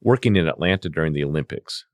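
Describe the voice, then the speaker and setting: A middle-aged veteran EMS worker, guesting on a podcast, tells casual anecdotes and animatedly acts out the dialogue. His voice rumbles low and he talks fast.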